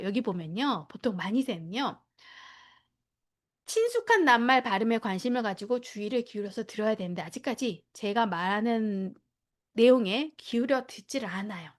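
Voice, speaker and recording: A woman training daycare teachers, lecturing in a lively way, acting out children's and teachers' lines and checking in with short tag questions. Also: mid-range voice.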